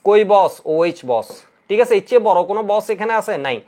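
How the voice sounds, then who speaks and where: A man's voice: high voice, fairly quick. A man teaching chemistry in an exam-prep lecture, quizzing students and answering his own questions, drilling key rules by repeating them. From Bangladesh. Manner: lively, coaxing, asks students questions and answers them himself.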